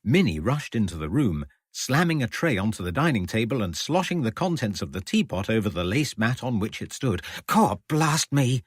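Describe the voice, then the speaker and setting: A man narrates an audiobook in a measured, storytelling way. His voice is low and husky, with a lively rise and fall. The recording is close and dry. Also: dry recording. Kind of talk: scripted narration.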